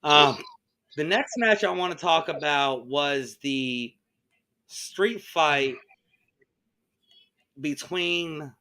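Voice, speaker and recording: A man hosting a wrestling talk show in a casual, halting, hesitant way. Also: fairly high pitch, sharp tone. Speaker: host.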